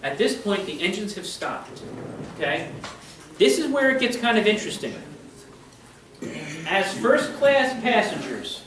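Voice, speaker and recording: A man's voice: sits high, big pitch swings, unhurried, noisy background. A man giving a live history presentation to an audience, chatty and constantly checking in with his listeners. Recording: echoey room, voice from far off.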